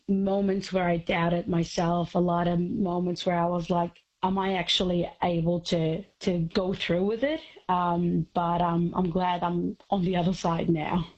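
Young woman from syria, flat low-ish voice, dull muffled audio. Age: young adult. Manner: soft-spoken, steady, with "um" fillers. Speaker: interviewee. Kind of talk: interview answers.

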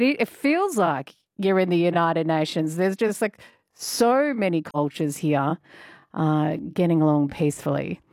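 An Australian woman hosts a radio show in a chatty, upbeat way, with plenty of ums and uhs. Her voice sits a little low, and the studio mic sounds dry and close. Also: darkish tone, no echo. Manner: chatty, upbeat, with frequent fillers. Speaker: radio host. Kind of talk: casual radio chat. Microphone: studio microphone.

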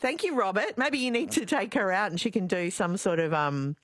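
An Australian woman hosting a talkback radio show, chatty and lively, reading out clues slowly and carefully. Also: medium pitch, no echo, studio quality. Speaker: radio host. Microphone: studio microphone.

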